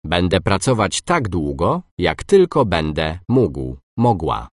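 Man, very deep voice, lively intonation, dry close studio sound, clear course phrases. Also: no echo. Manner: slow, clear, reads masculine and feminine forms. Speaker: language course speaker. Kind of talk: scripted phrase reading.

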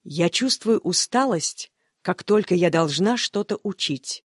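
Woman calmly repeating course phrases. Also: lowish voice, a little slow, husky, no room sound, studio quality. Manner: calm, careful enunciation. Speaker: language course speaker. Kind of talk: scripted phrase reading.

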